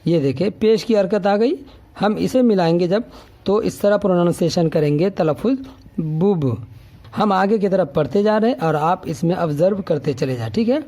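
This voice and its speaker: A man from India teaching a slow spoken phonics lesson, patiently repeating each syllable several times and checking in often with a questioning tag. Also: high voice, mellow.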